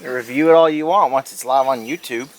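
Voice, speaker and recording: A man's voice: medium pitch, brisk. A man hosting a casual fishing vlog outdoors by a lake, joking and coaching in a folksy way. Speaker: fishing guide and channel host. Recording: outdoor recording with background noise.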